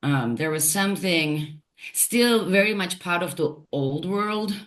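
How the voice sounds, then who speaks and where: A woman from Turkey speaks in a low voice as an interview guest. She is thoughtful and unhurried, pausing, restarting and reaching for words as she reflects. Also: animated. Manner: thoughtful, halting, with frequent fillers and restarts. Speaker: guest, poet and translator.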